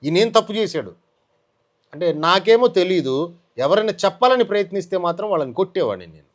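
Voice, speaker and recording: A man with a Telugu accent giving an emotional testimony in an interview, telling his story in an animated way and acting out what others said. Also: high-pitched, brisk.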